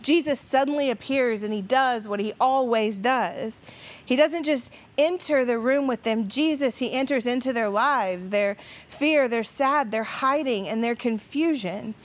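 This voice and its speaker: A woman's voice: a little high, a little slow. A middle-aged woman pastor preaching in a conversational storytelling way, with many fillers. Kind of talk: sermon.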